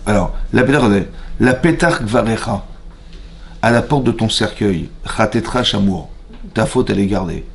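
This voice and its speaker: Gravelly French rabbi teaching a class. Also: male voice, fairly low pitch, normal speed. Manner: lively storytelling, reads Hebrew verses then explains them, questions the audience. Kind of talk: animated Torah lesson to a mixed class. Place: synagogue hall.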